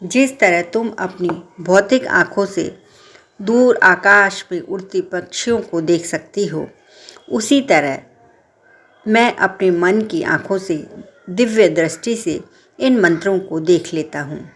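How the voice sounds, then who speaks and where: A woman voicing a wise old male sage who explains calmly and slowly to his wife. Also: on the low side. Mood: patient.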